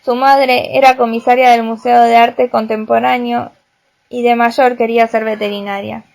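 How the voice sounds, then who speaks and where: A woman's voice: on the high side, flat delivery, moderate pace, gravelly, a little mellow. A woman reading the lines of a nerdy, anxious teenage boy prodigy in an audiobook, earnest and precise.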